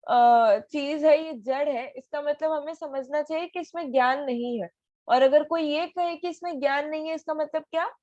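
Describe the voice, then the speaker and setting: Over a video call, a woman teaches an online class for children, patiently asking them many questions. Her voice is high-pitched with a darkish tone, and the dry recording has its highs cut off.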